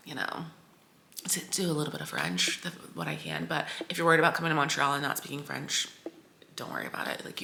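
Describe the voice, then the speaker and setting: A woman's voice: low-pitched, vocal fry, sharp tone, a little hiss or hum. A young American woman chatting casually in a vlog, rambling with lots of fillers and self-corrections. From United States. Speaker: travel vlogger.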